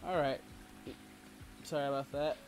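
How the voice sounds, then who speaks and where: This livestreaming content creator has a mid-range voice, a steady tone and a moderate pace. Against music and rain ambience, he rambles through casual chat, teasing viewers with slangy talk and reading and answering their messages.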